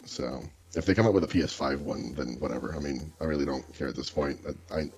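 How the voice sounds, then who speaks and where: Extremely deep voice-changed man. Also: quick pace, darkish tone, soft background music. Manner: rambling, hesitant, muttering to himself with many fillers. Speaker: streamer coding a website. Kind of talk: casual think-aloud chat while coding.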